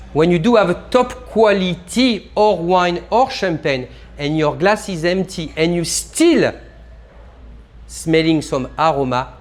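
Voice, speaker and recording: A man, a sommelier leading a live champagne tasting class, talking in an animated way and explaining as he demonstrates, recorded in a private tasting room. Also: fairly high pitch.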